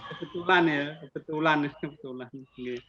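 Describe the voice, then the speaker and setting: Crowd noise sits behind this man's slightly high, moderately paced voice. He is a Javanese-accented accreditation assessor in his fifties, chatting warmly with teachers during an online interview and using Javanese politeness words. The video call sound is muffled with background noise.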